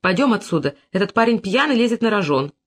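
A man voicing a furious young woman in a restaurant who shrieks and shouts. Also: big pitch swings, fast talker. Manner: shrill, shouting.

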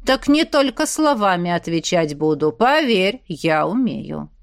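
A woman voicing a stern, calm man who speaks low and measured. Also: vocal fry, no echo, clean studio sound, full character voice. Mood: cool.

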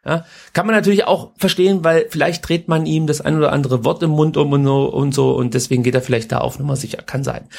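Chatty male podcast host, slightly high voice. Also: creaky. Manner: informal and colloquial, with crude slang. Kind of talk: casual news commentary podcast.

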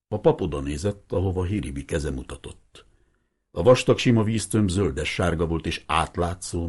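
A man narrating a novel as an audiobook in a measured storytelling manner. His voice is very low and husky, and his intonation rises and falls widely. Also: a little mellow. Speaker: audiobook reader.

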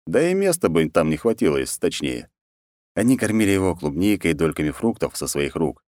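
Low-voiced man narrating wryly. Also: very animated, brisk, a little mellow, no echo, studio quality. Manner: wry, mocking storytelling. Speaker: audiobook narrator. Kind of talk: scripted narration.

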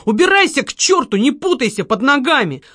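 A woman voicing a devoted older female secretary who pleads in a high, sobbing voice. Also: big pitch swings, unhurried, no room sound, clean studio sound. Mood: pleading.

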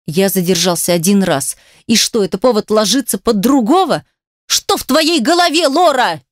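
A woman's voice: mid-range voice, lively intonation, moderate pace, no room sound, studio quality, close to an everyday voice. Woman reading an enraged jealous man. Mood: indignant. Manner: harsh, accusing, rough swearing. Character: furious jealous man confronting his cheating partner.

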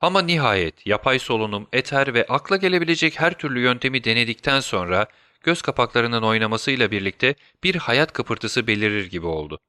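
Male audiobook narrator, measured storyteller, bright tone, dry close recording. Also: mid-range voice, animated, clear, resonant tone, dry recording. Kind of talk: scripted narration.

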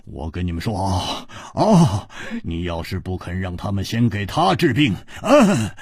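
A hot-tempered swordsman yells in a strained, high, husky voice, as a storyteller puts him on. He is worked up and anxious. The delivery is dry and close, like a storytelling broadcast. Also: huge pitch swings, unhurried, dry recording, full character voice. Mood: frantic. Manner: shouting, high and urgent. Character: hot-tempered male swordsman, frantic with worry. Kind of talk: traditional storytelling.

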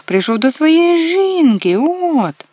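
An audiobook narrator voicing a petulant male dwarf who shrieks and whines in a high, drawn-out voice. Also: no echo, highs cut off, natural voice. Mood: shrieking.

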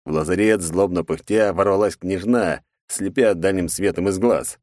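A man reading an audiobook in the first person, steady and even. His voice sits very low, and the recording is dry with no room sound. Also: moderate pace, no room sound. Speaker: narrator. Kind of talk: audiobook narration.

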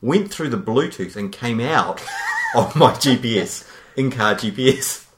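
A man's voice: mid-range voice, big pitch swings, a little slow, background noise. A man with a New Zealand accent, co-hosting a podcast, with a dry, wry humour. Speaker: podcast co-host. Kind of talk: casual chat.

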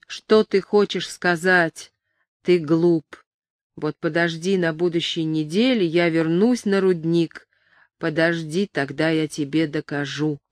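A woman voicing a feeble, suspicious old man who talks slowly and whines in a muddled way. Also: sits low, steady tone, no echo. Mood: whining. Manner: slow, whining, muddled speech. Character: feeble, suspicious old male mine owner, whining.

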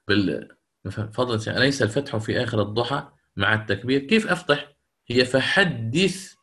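This male recitation teacher has a bright, mid-range voice. In an online lecture featuring recited examples, he explains the material and stops now and then to confirm understanding and respond to questions.

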